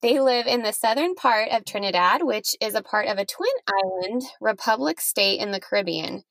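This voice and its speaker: A woman's voice: medium pitch, normal speed, vocal fry, fairly bright tone. A woman hosting a podcast, chatting casually with guests and laughing easily. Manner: friendly, laughing, chatty with restarts. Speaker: podcast host. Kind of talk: casual interview chat.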